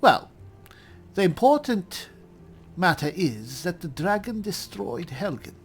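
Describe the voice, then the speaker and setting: A gamer hosting a roleplay series comments on a fantasy game in character as a haughty male high elf spellsword. He sounds dry and condescending, with a high-pitched, sing-song voice at a slow pace.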